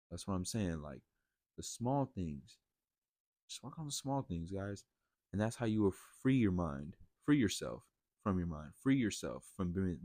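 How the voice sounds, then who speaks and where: A man's voice: sits low, a little mellow, no echo, studio quality. A man hosting a casual motivational monologue, blunt and profane, rambling with frequent restarts. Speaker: podcast host.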